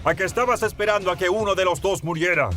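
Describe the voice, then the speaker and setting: A cold, commanding angel of war, as a man puts him on for a narrated fan story. He speaks seriously and with authority, in a fairly high male voice over faint music. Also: fast talker, fairly bright tone. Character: stern, imperious male angel warrior.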